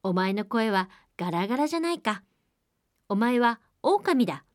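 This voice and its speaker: A woman's voice: fairly high pitch, big pitch swings, moderate pace, dry recording, studio quality. A woman reading as defiant little goat kids. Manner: bold, childish.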